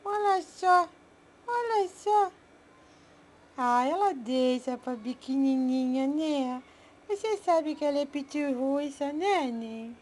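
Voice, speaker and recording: A woman talking baby talk to her pet turtles, cooing in a high sing-song way and calling herself mama. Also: a little mellow, slight background noise.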